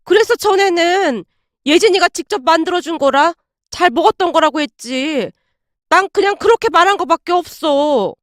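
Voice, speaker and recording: A woman's voice: very high voice, animated, moderate pace, no room sound, studio quality, pitched above the performer's own voice. A woman doing a whiny older mother-in-law. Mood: defensive. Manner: whiny, self-justifying.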